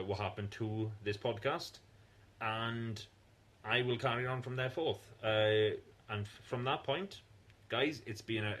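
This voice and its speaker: A man's voice: on the low side, fairly bright tone. A man co-hosting a podcast in casual chat, blunt and sweary. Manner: blunt, swears freely, quick bursts of laughter. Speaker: podcast co-host.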